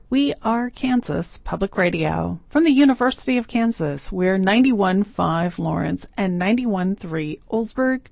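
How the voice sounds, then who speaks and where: A woman reading scripted public radio station announcements and underwriting credits in a crisp promo delivery. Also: mid-range voice, dry recording.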